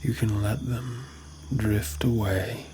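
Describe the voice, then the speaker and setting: A man giving an ASMR sleep talkdown in a soft, breathy, often whispery voice, soothing, in short phrases with pauses. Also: lowish voice, steady tone, slight background noise.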